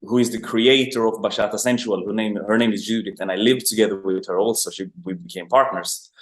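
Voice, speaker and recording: A man's voice: fairly low pitch, fairly even intonation, fairly quick. A young man from Sweden, a guest chatting loosely and upbeat about his life, with lots of "like" fillers. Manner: loose, rambling, upbeat, with many "like" fillers and laughs. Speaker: guest, online marketer for dancers. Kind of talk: casual interview chat. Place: remote call from abroad. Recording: roomy echo.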